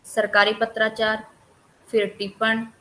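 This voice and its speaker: Flat-voiced woman teacher revising online. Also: a little high, low-quality recording. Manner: lists topics steadily with few pauses. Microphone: computer mic on a video call.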